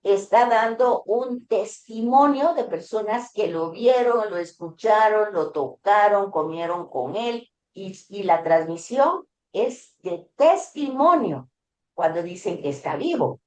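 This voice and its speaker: A woman explaining theology to a class, talking in halting phrases that she often restarts and repeats. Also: mid-range voice, lively intonation, roomy sound. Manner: acts out dialogues when telling anecdotes.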